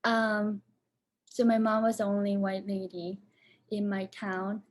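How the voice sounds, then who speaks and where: Speaking slowly in a level, medium-pitched voice, a Japan-raised woman director uses her second language, English, to field casual questions about her film, with frequent hesitations and restarts.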